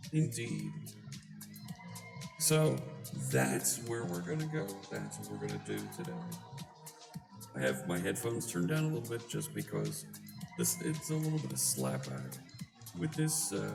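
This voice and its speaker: A live coding streamer talking through a voice changer that shifts the voice deep, chatting casually with a wry, self-deprecating manner. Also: huge pitch swings, measured pace, vocal fry, long pauses. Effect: deep pitch-shifting voice changer. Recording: roomy sound with music behind. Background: background music.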